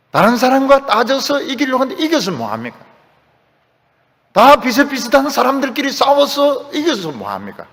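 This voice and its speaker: A man's voice: extremely high pitch, in a large hall. A man preaching a sermon as pastor, emphatic, with rhetorical questions and acted-out quotes. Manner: acts out quoted voices. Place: church sanctuary.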